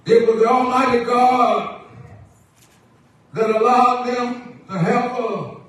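Slow-preaching man in an echoing church. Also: extremely high pitch, fairly even intonation, a bit bright. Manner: drawn-out preaching cadence with swelling emphasis. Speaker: pastor. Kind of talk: sermon. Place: church sanctuary. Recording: very echoey church recorded from a distance.

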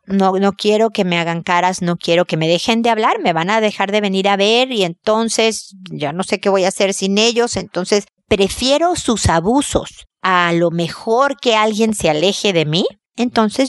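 A woman's voice: mid-range voice, dry recording, studio quality. A middle-aged woman, hosting an advice show and acting out little dialogues as she counsels a listener. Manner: chatty, acts out dialogues.

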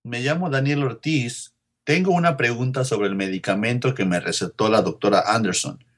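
Male actor for a patient caller heard as an answering machine message, distant and played back, reads his number slowly. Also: mid-range voice, a bit bright, slight background noise. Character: male patient calling his doctor's nurse. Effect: answering machine message, distant sound. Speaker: patient leaving a voicemail. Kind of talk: scripted dialogue for a language lesson.

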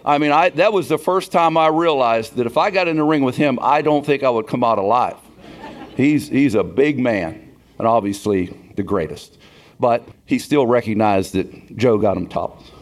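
A man's voice: medium pitch, normal speed. Older guy emceeing a banquet, folksy stories building up to the punchline. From Beaver Falls, Pennsylvania. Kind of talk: storytelling speech at a banquet.

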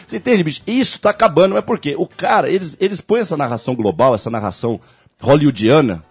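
A man's voice: on the high side, lively intonation, quick pace, darkish tone, husky. A man, co-hosting a podcast in a loose, profane, rambling and jokey rant. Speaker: podcast co-host. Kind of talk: ranting casual chat.

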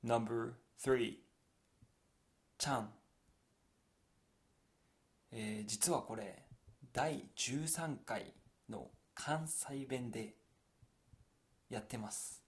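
A man's voice: medium pitch, very slow, pauses often, husky. A man with a Kansai accent teaching his dialect to learners, explaining step by step and adding English glosses. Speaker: language teacher.

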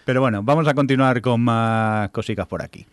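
A man's voice: mid-range voice, a little fast, clear, resonant tone, dry recording. A man from hosting a casual podcast chat, thoughtful and hesitant with fillers. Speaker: podcast host.

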